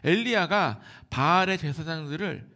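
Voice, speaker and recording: A man with a Seoul Korean accent preaching a Sunday sermon, moving between hushed near-whispers and loud exclamations. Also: on the high side, animated, normal speed. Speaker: pastor.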